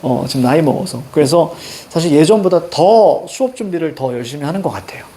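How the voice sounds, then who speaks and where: A man's voice: a little high, brisk. A middle-aged man teaching a reading lesson in a classroom, directing students step by step on what to underline and circle. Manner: animated, directive, drills students on reading steps. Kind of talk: classroom lecture. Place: classroom with blackboard.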